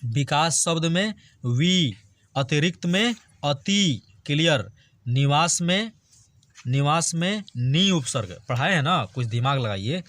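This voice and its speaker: A man's voice: fairly high pitch, lively intonation, takes it slowly, fairly bright tone. Chatty man drilling grammar. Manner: chatty, jokes with students, drills word lists. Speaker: teacher. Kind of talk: online grammar lesson.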